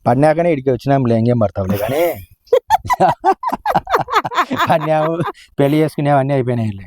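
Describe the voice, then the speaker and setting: Sitting on a rock outdoors, a man with a mellow, medium-pitched voice plays the husband in a village comedy skit. He rambles and teases his wife with mock-dramatic flair.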